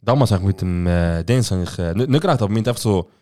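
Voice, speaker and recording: A man's voice: low voice, rapid-fire. A young man with a Swiss German accent, a podcast co-host, telling a story in casual chat and acting out what everyone said. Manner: animated, quotes people with "ich so" and acts out their lines.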